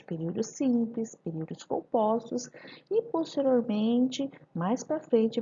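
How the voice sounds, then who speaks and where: Her voice medium in pitch, gravelly, mellow and breathy at the edges, a grammar teacher leads a recorded lesson. She explains terms methodically, addresses her students directly with rhetorical questions, and the audio sounds lo-fi.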